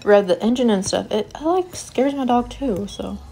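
A woman's voice: a little high, expressive, moderate pace, dark tone. A young woman vlogging casually while she cooks at home, rambling with lots of "like" and "um". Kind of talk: casual chat while cooking. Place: home kitchen. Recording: noisy home recording.

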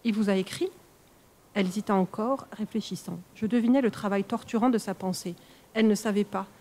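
A woman reading a first-person horror story aloud in a measured, expressive storytelling manner for a live stream. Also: mid-range voice. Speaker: reader.

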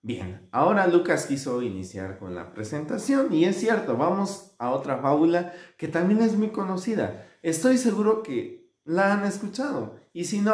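A man telling a fable to children, animated and acting out the characters. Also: fairly high pitch. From Mexico. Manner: animated, acts out characters with sudden shouts. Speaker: children's musician and storyteller. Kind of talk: children's storytelling. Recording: roomy echo.

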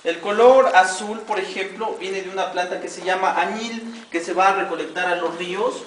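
A man's voice: high-pitched, moderate pace. A man with a Mexican Spanish accent guiding tourists through a weaving demonstration, explaining each step in Spanish and then repeating it in English. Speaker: weaving cooperative guide. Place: weaving workshop with visitors. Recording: distant, roomy camera audio with background noise.

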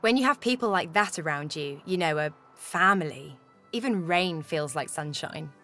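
A woman's voice: low voice, expressive, normal speed, sharp tone, faint music behind, exaggerated voice. A woman playing a wry, easygoing musician companion in a video game, talking in a casual, reflective way. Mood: warm, nostalgic. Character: wry, easygoing female musician haunted by inner spirits.

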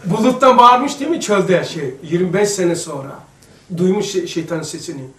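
A man giving an informal religious lesson to a small group, chatty and addressing listeners by name, moving between hushed asides and emphatic passages. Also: high voice, expressive, normal speed. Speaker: religious teacher. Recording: echoey room, distant mic.

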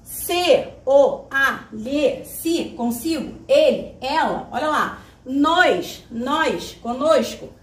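A woman's voice: high voice, expressive, drawn-out words, hardly any pauses, far from the mic. A Brazilian woman teacher giving a chatty, emphatic grammar lesson at a whiteboard, putting questions to herself and answering them. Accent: Brazilian Portuguese. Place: classroom with a whiteboard. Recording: roomy, mic set back.

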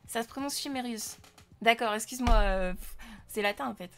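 A woman's voice: fairly high pitch, normal speed, fairly bright tone. A young woman from France streaming live, chatting casually with viewers and greeting them with many fillers. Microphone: desk microphone.

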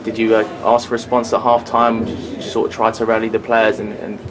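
Flat-voiced club interviewer. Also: male voice, on the low side, brisk, over music. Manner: flat, hesitant questioning with fillers. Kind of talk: post-match interview questions.

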